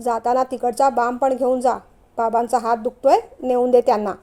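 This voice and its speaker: A woman's voice: fairly high pitch, little pitch movement, normal speed, mellow, natural voice. A woman voicing a middle-aged mother-in-law, firm and scolding yet caring, in a storybook reading.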